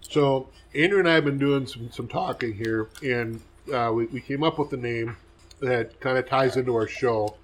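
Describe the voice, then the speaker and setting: A man's voice: medium pitch, moderate pace. A man co-hosting a podcast, chatting casually while eating. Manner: relaxed, chatty, laughs easily. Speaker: podcast co-host. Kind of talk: casual chat over food.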